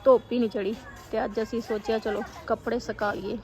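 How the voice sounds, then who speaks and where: A woman's voice: fairly high pitch, level tone, a little fast, music in the background. A woman, chatting casually with family as she narrates a home vlog. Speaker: family vlogger.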